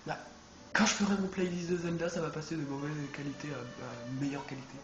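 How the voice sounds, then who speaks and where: A man with a head cold gives casual, rambling commentary over a video game, regularly correcting himself, with music playing in the background. His voice is a little high, brisk, and shows little pitch movement. The room is echoey and noisy.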